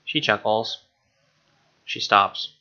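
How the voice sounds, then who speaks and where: Let's player: a man reading game narration, bright tone, wry asides. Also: lowish voice, extremely slow, muffled recording.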